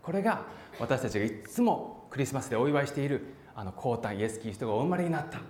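A man preaching a sermon, animated, acting out voices and calling out for emphasis. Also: mid-range voice, quick pace, slight background noise. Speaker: pastor. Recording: echoey hall.

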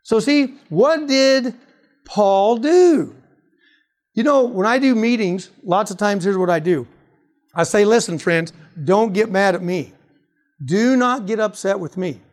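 A man's voice: high-pitched, measured pace. A male preacher teaching on apologetics, reading scripture aloud and quizzing his listeners with rhetorical questions. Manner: animated, asks rhetorical questions.

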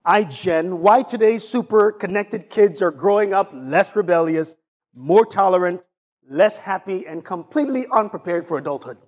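A man's voice: high voice, lively intonation, moderate pace, darkish tone. A man with a Jamaican accent preaching a sermon to his congregation, asking them rhetorical questions as a pastor.

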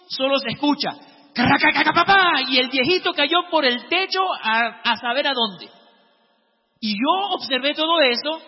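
A man with a very high, husky voice tells a personal testimony with dramatic energy. The sound is dull and carries a long hall reverb. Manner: lively, dramatic storytelling with shouted quotes. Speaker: speaker sharing a testimony. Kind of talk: storytelling testimony.

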